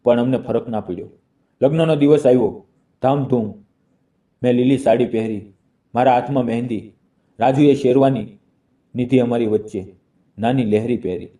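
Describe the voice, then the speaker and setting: Dark, mellow male storyteller. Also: medium pitch, normal speed, pauses often, distant mic. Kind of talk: scripted emotional narration.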